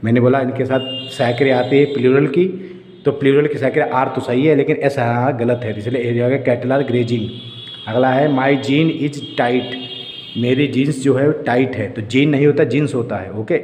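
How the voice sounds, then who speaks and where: A man's voice: medium pitch, steady tone, brisk, darkish tone. A man teaching an English grammar lesson, explaining words one at a time and often saying "okay". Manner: repeats "okay" often, drills examples. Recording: echoey room with faint ambient noise.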